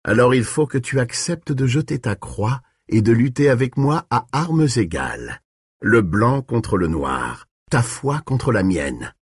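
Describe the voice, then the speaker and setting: A man's voice: on the low side, big pitch swings, slightly rough, no echo, studio quality, full character voice. Man voicing a silky, mocking vampire. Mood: silky menace. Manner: soft, charming, mocking, slow. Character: suave menacing male vampire, mocking and cruel.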